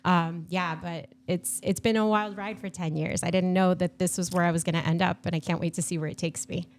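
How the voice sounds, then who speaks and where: A woman's voice: fairly low pitch, fairly even intonation, fairly quick. A woman in her thirties from Argentina, chatting enthusiastically as a podcast guest with plenty of fillers. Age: 30s. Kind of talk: casual chat.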